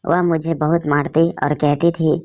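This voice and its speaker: A woman narrating an emotional story in a steady, feeling storytelling manner. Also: low voice, a little slow.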